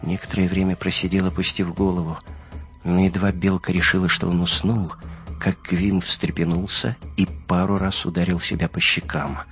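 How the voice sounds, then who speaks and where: A man with a very deep voice narrates an audiobook in a steady, measured way. The recording sounds muffled, and soft music plays behind him.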